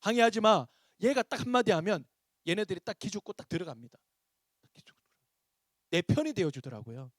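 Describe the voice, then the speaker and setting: Pastor guy lecturing teachers, kinda high voice, dry close sound, acts out all the back and forth. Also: a little fast, pauses often, no echo. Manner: animated storyteller acting out dialogue. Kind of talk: seminar lecture with acted anecdotes.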